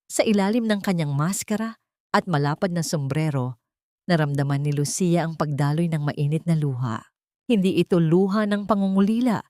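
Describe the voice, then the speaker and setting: A woman with a Filipino accent narrates a dramatic scripted story for an audiobook. Her voice is on the low side and slightly mellow, captured in a dry, clean studio recording.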